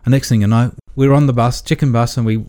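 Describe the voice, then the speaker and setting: A man's voice: medium pitch, steady tone, fast talker, mellow. A man, middle-aged, telling stories in a rambling way with restarts, as a guest in an interview. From Australia. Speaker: guest, electrician. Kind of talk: storytelling interview.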